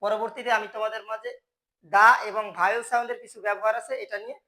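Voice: mid-range voice, little pitch movement, fast, sharp tone. A teacher with a Bangladeshi Bengali accent, giving a grammar lesson to school students and answering his own questions. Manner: asks the class questions and answers them himself.

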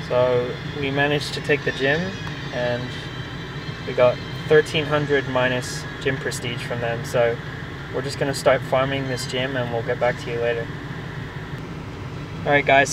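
Outdoors by a restaurant and a park, with a constant hum of traffic in the background, a young man narrates his gameplay for his vlog. He sounds relaxed, speaking at a flat medium pitch, full of ums and restarted sentences.

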